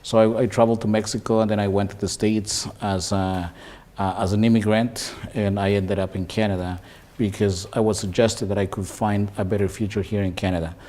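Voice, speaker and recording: Hesitant man, lowish voice. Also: little pitch movement, fairly quick, dark tone. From Guatemala. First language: Mayan language. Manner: hesitant, many fillers and restarts. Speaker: guest, shoe designer. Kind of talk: interview.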